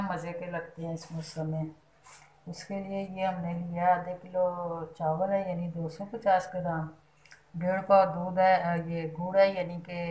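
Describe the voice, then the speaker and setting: A woman's voice: lowish voice, a little mellow. A middle-aged woman hosting a home cooking demonstration from her kitchen, explaining each step in a homely way and adding blessings. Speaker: cooking channel host. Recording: echoey kitchen, faint clatter. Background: clinking pots and utensils.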